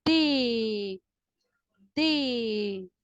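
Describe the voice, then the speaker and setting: Her pitch sits on the high side and her delivery is animated, with a clear, resonant tone. This Arabic-accented woman teaches the alphabet to a class, stretching out letters and words in slow repetition and handing out frequent praise. The recording has no room sound but the audio is dull.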